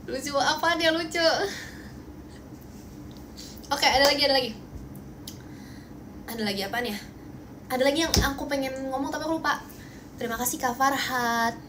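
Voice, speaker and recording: A young woman with a bright, high voice and an Indonesian accent hosts a casual phone livestream, bubbly and playful as she thanks viewers and protests teasing comments. A faint background hum sits under her voice in the room at home. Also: fairly quick, long pauses. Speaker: idol livestream host.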